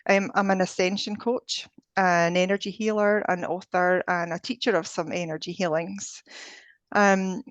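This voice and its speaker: A woman's voice: lowish voice, fairly even intonation, moderate pace, dry recording. A woman with a Scottish accent, chatting as an interview guest, with frequent fillers and restarts. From Scotland. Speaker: guest, ascension coach. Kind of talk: casual interview chat.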